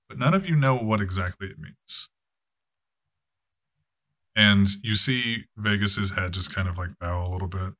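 A man's voice: on the low side, sharp tone. A man narrating a tabletop game as game master, casual and profane, with frequent fillers.

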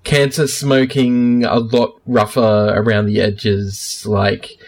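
A man's voice: fairly low pitch, little pitch movement, slow. Enthusiastic man explaining comics. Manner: enthusiastic, explains at length, laughs often. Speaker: podcast co-host. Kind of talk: casual chat.

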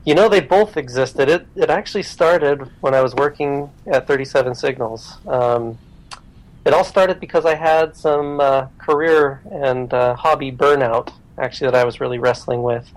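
Relaxed self-deprecating male guest. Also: mid-range voice, moderate pace, rough recording. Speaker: podcast guest, programmer and writer. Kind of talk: casual interview chat.

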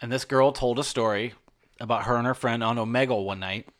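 Guy hosting a podcast, bright voice, rambly swearing storyteller. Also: medium pitch, fairly even intonation, fairly quick. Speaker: podcast host. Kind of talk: casual chat.

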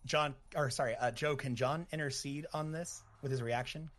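A man chats as a player in a tabletop role-playing game. His voice sits at a middle pitch. He is informal and a little hesitant as he describes his character's moves. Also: fairly even intonation, moderate pace, fairly bright tone.

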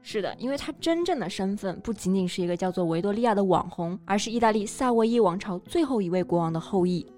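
A woman co-hosts a bilingual language lesson as the English teacher, affirming points and adding example sentences. She's warm, animated and quick with few pauses, at medium pitch, with faint music underneath.

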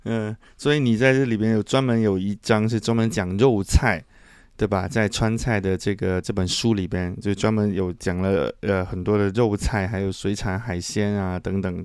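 A man from southern China speaks as an interviewer in a conversational style. His voice is fairly low and recorded dry, without room sound. He winds through long questions, pausing to find words and adding modest remarks about himself. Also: steady tone, a little mellow, clean tone, no echo. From Chaoshan, southern China.

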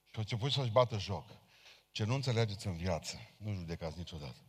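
A man's voice: on the low side, lively intonation, slightly rough. A man preaching a sermon as a Pentecostal pastor, speaking fervently and addressing his congregation directly. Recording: long hall reverb.

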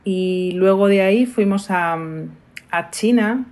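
A woman with a Madrid Spanish accent chats as an interview guest. She thinks aloud, pausing on fillers and restarting her sentences, and her pitch sits in an ordinary middle range. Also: a little mellow. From Spain. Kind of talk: casual interview chat.

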